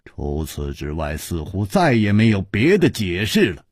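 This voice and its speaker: A man voicing a shrewd, cool-headed male swordsman hero who reasons slowly and deliberately. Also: low-pitched, huge pitch swings, darkish tone, breathy edge, no echo, clean studio sound, full character voice. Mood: cold. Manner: slow, deliberate, coldly reasoning.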